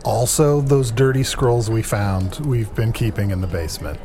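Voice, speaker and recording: A man's voice: on the low side, expressive, normal speed, warm tone. A man playing an inquisitive, fretful fantasy adventurer in improvised comedy, talking in a conversational, hesitant, questioning way. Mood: hesitant, secretive.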